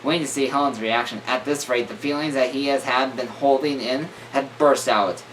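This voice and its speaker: A man's voice: mid-range voice, fairly even intonation, normal speed, fairly bright tone. A young man reading a horror story aloud, stumbling over words and correcting himself with joking asides. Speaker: reader. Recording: distant mic with faint room noise.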